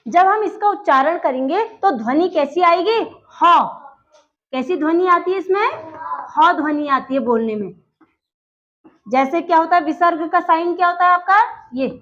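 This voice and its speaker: A woman with a high voice teaches a grammar lesson, patiently explaining each point and asking questions that she answers herself. The recording sounds dull and lo-fi. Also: moderate pace, a bit bright. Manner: explains step by step, asks questions and answers them.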